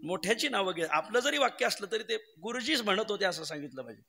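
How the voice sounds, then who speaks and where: High gravelly preacher telling a story. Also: male voice, big pitch swings, fast, long reverb tail. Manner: storytelling with humour, chanted verse quotations. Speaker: kirtan preacher. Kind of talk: devotional kirtan sermon.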